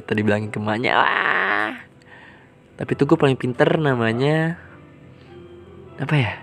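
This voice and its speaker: A young man, casually telling stories about his past in a rambling, slangy, self-mocking way. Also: mid-range voice. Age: young adult. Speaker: vlogger telling his life story. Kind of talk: casual storytelling in Jakarta slang.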